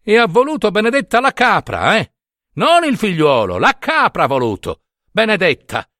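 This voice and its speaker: A man voicing a grumpy, impatient old village priest, with exasperated, loud protesting outbursts. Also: sits high, very animated, measured pace, dry recording, studio quality, pitched above the performer's own voice, heavily acted.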